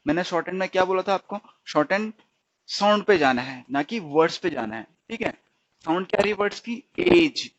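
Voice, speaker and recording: A man teaching a stenography lesson, asking his students questions and answering them himself, repeating each sound slowly. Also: high voice, dull audio. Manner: slips into English definitions. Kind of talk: recorded shorthand lesson.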